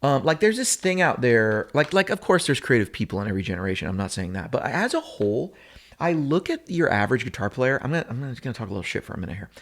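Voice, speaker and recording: A man's voice: medium pitch, rapid-fire, hardly any pauses. A man in his thirties hosting a guitar gear channel, rambling and opinionated in a casual monologue full of fillers and restarts. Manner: animated, opinionated, with frequent fillers and self-corrections. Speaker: guitar gear video host.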